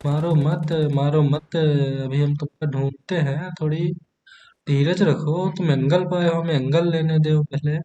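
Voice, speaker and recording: A young man hosts a gaming stream, telling his match as a joking story and trading crude banter with teammates. His voice sits a little high but has a soft, mellow tone, picked up on a headset mic while he plays. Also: fairly even intonation, unhurried, muffled recording. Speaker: gaming YouTuber. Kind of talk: comedic gameplay commentary.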